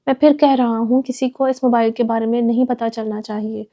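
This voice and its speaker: A woman's voice: a little high, steady tone, close to an everyday voice. A woman voicing a curt, commanding rich young man in a dull lo-fi recording.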